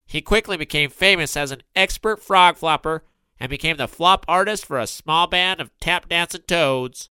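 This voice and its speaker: A man voicing a chatty male bullfrog with a croaky voice, in a storybook. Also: fairly high pitch, moderate pace, sharp tone, no room sound, pitched above the performer's own voice.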